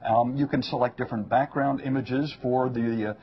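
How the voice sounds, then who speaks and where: A man's voice: mid-range voice, fairly even intonation, moderate pace, lo-fi sound. A man giving a home shopping product demonstration as the guest expert, explaining step by step in a folksy, lightly joking way.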